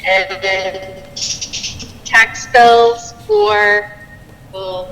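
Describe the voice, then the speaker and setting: A woman's voice: mid-range voice, very animated, a bit bright, reverberant, long reverb tail, far from the mic, soft background music, rough recording. A woman town manager giving a report at a town meeting, her voice cutting in and out on a choppy video call. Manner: halting and stop-start, dropping in and out. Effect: choppy, breaking-up video call audio. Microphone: laptop on a video call.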